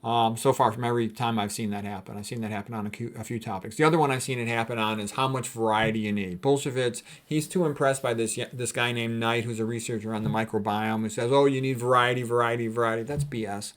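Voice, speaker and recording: A man playing a doctor gives an informal health talk, speaking fast with few pauses in a steady, mid-range voice. He is blunt and colloquial, peppering his explanations with conversational asides and firm opinions.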